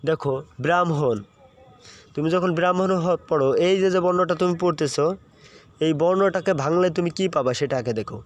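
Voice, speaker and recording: A man's voice: high voice, fast. A young man teaching a pronunciation lesson, explaining step by step, repeating points and asking his students questions.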